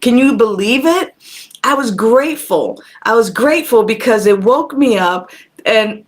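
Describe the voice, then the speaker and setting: A woman minister hosting a live-streamed spiritual talk, greeting viewers by name and speaking in a conversational preaching manner that repeats phrases for emphasis. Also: fairly high pitch. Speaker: minister and show host. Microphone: camera.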